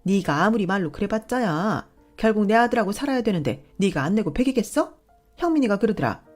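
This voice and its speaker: A woman voicing a domineering older mother-in-law who scolds in a booming, condescending voice. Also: animated, a little fast, soft background music, close to an everyday voice. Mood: scolding.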